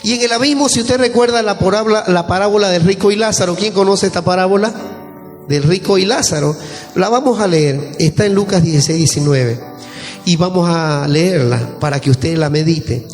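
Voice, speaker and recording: A man's voice: sits high, moderate pace. A male pastor with a Bolivian Spanish accent preaching a sermon, explaining scripture and questioning the congregation. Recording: echoey church hall with faint music.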